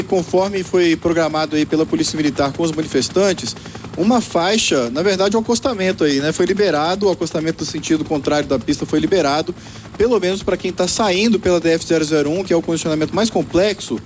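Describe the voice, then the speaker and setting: Brazilian guy doing a live traffic report, talks real fast, bit high, faint noise behind. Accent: Brazilian Portuguese. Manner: fast, conversational, many fillers. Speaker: field reporter.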